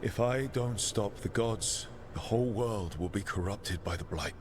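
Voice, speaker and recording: Man playing a low-voiced, earnest game hero. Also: measured pace, slight background noise, lightly acted. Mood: calm, earnest. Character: calm, earnest heroic adventurer, polite leader. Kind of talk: video game dialogue acting.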